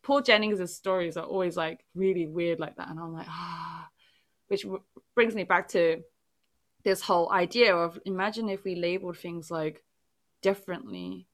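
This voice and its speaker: In a lowish voice and at a moderate pace, a woman chats informally, spinning an animated, rambling tale sprinkled with "like." She was born in England, though English wasn't the first language she spoke.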